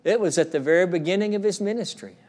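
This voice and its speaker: Speaking a little high for a man, a middle-aged pastor earnestly preaches to his congregation in a church sanctuary. Phrases come back again and again, and any quoted words arrive in a soft, slow hush.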